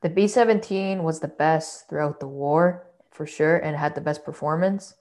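A woman's voice: sits low, normal speed, a little mellow. A woman in a casual group discussion, often stumbling and repeating words as she starts. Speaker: discussion participant.

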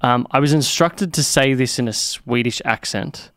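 A man's voice: mid-range voice, moderate pace, fairly bright tone, dry recording, clean studio sound. A man hosting a podcast in a chatty, friendly way. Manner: chatty, friendly, restarts often. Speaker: podcast host. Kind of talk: casual podcast chat.

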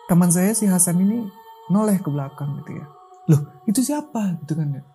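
A guest storyteller casually relates a true horror story, chatting along and using filler tags to check that his listener is following. He talks fast in a high-sitting, dark-toned voice over soft background music.

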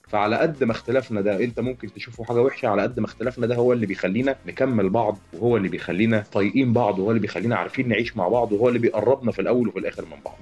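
Fast-talking Egyptian man, comic podcaster. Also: mid-range voice, husky. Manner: joking, animated storytelling. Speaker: podcast host.

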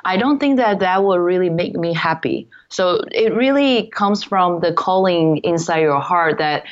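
A woman's voice: fairly low pitch, unhurried. Woman from Taiwan, earnest interview guest. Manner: earnest, reflective, non-native phrasing. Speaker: guest, entrepreneur. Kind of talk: interview answers. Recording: dull lo-fi audio.

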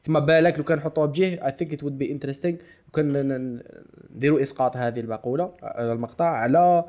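A man talking quickly in a relaxed, mellow voice. He thinks out loud on a casual podcast, pausing on long "aah"s and slipping into English and French words. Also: fairly high pitch. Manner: thinks aloud, stretches "aah" between ideas, mixes in English and French. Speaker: podcast co-host.

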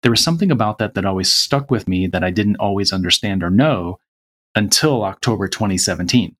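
Low-voiced man talking earnestly. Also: animated, brisk, fairly bright tone. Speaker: podcast guest. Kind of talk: casual conversation.

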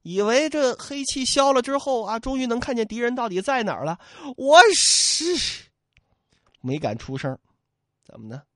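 A man's voice: very high-pitched, brisk, no room sound, studio quality. A man telling a classic tale in humorous traditional storytelling style, joking with the listener and acting out sound effects. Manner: lively and joking, with mock sound effects and asides.

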